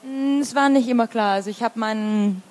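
A woman in her thirties with a Swabian German accent answers interview questions as a literary translator and review editor. Her voice is on the high side, fairly quick, and a little mellow, and she comes across as thoughtful, using many fillers and restarting sentences.

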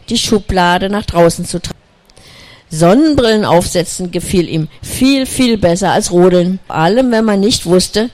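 A storyteller with a mid-range voice reads a children's story aloud, calm and unhurried, making a few small slips along the way.

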